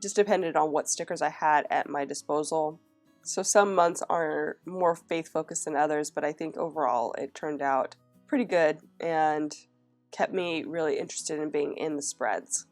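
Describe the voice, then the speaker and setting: Over soft background music, a woman with a low voice talks at a normal pace through her planner as a vlogger. Her throat is scratchy from a cold, and she chats casually with fillers and restarts.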